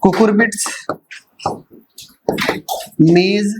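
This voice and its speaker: A teacher giving a lecture who keeps asking whether things are clear, answers their own questions and repeats key terms slowly. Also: mid-range voice, fairly even intonation, poor audio. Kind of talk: classroom lecture mixing Hindi and English terms.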